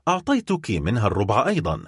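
A man's voice: on the low side, huge pitch swings, rapid-fire, breathy edge, no room sound, studio quality, full character voice. A man voicing a wealthy middle-aged baron who is cold, stern and accusing toward his wife in a storybook reading.

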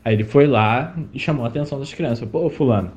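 Speaking fast at a medium pitch, a man from Brazil who hosts a podcast recounts something that happened to him, chatty and indignant, with plenty of fillers. His tone is darkish, and the recording sounds dull. It's a casual storytelling monologue.

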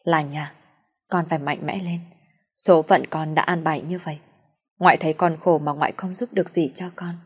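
A woman narrator voicing a gentle elderly grandmother spirit who tenderly consoles her granddaughter in an audio story. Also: low voice, fairly even intonation, moderate pace, slightly rough. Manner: soft, tender and pleading.

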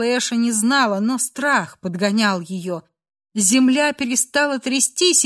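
A woman narrating a dark fantasy story aloud in an emotive storytelling style. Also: on the high side. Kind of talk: dramatic audiobook narration.

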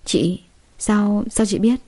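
A woman reads a protective young man in a storybook drama, anxious and polite with his elder sister-in-law. The voice stays mellow and warm in the telling. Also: medium pitch, takes it slowly. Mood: concerned.

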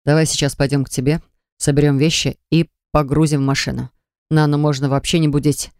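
A woman voicing a tense young husband who talks in a low, strained growl. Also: little pitch movement, a little fast, a little mellow, clean tone, dry recording, clean studio sound, natural voice. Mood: soft.

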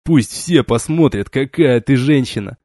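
A man voicing a blustering, hotheaded male colonel with a loud, barking delivery for an audiobook. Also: mid-range voice, lively intonation, unhurried, no room sound, studio quality, lightly acted. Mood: furious. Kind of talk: audiobook character reading.

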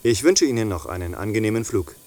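A man's voice: lowish voice, animated, fast, a little mellow. A man playing an airline captain who makes a formal, courteous scripted announcement to passengers in flight. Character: male airline captain making a cabin announcement. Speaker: voice actor in a listening exam.

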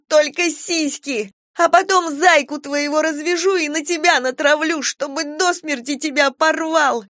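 A woman voicing a vicious young girl with a bratty, taunting, shrill manner. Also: a bit bright, no echo, studio quality. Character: feral young girl turned vicious predator.

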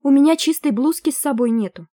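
A woman's voice: high voice, fast talker, warm tone, no room sound, studio quality, voice pushed up, natural voice. A woman voicing a timid, naive, fussy teenage girl in a plaintive, squealing voice.

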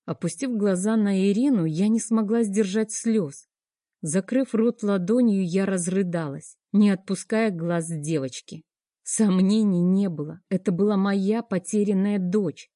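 A woman reads a first-person story aloud, dramatic and full of feeling. Her voice is mellow and warm. The sound is dry and close-miked. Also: mid-range voice, a little slow, no echo. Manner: emotional, dramatic reading. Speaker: audiobook narrator.

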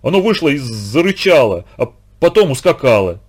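A man's voice: mid-range voice, big pitch swings, moderate pace. A man voicing a frightened young boy who stammers breathlessly. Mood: scared.

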